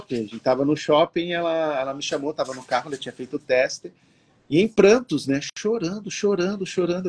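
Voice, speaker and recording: A man co-hosting a casual podcast chat, telling a personal story with lots of filler tags and getting animated in the retelling. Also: medium pitch, breathy edge. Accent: Brazilian Portuguese. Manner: storytelling, lively when retelling. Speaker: podcast co-host.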